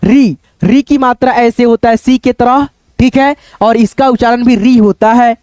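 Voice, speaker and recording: A man with a very high, crisp voice teaches letters step by step. He repeats himself patiently and keeps quizzing his viewers. The sound is dry and close. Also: fairly even intonation, measured pace, a little mellow, no room sound. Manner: repetitive and patient, keeps calling out to friends and asking check questions. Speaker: online Hindi teacher. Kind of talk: teaching at a board, explaining step by step.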